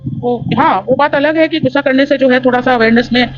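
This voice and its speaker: A woman's voice: high-pitched, fast talker. A woman earnestly telling a personal devotional story to fellow followers, rambling with fillers and restarts. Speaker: devotee sharing a testimony. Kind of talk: casual spoken testimony. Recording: dull lo-fi audio.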